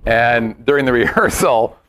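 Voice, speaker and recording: A man's voice: mid-range voice, unhurried, a bit bright. A man co-hosting a talk show in casual, conversational banter.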